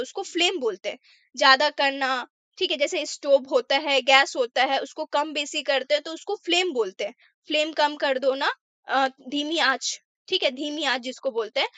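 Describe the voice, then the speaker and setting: A woman teaching English vocabulary in Hindi, repeating words and reading example sentences slowly and carefully. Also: high-pitched, bright, forceful tone, dry recording. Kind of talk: casual Hindi vocabulary lesson.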